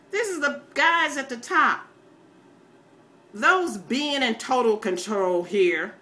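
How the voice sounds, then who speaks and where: An older American woman who styles herself a grandma rants online to viewers, impassioned and off the cuff, in a blunt, scolding, emphatic, folksy manner. Her medium-pitched voice sounds pushed and bright, with noticeable background noise.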